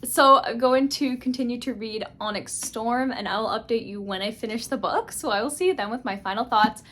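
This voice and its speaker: A young woman talks through a book review vlog in a gushing, excitable way, her voice sitting a little high. She piles up fillers and breaks into laughter as she chats casually. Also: moderate pace.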